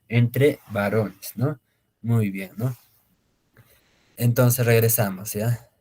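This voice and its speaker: A man leads an online beginner Quechua class, explaining slowly with lots of fillers, repeated words and tag questions. His voice is mid-range and a little mellow.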